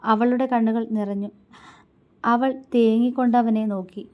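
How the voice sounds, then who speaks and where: A woman storyteller giving scripted narration of a romance story, with a calm, hushed reading pace. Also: fairly high pitch, normal speed, highs cut off.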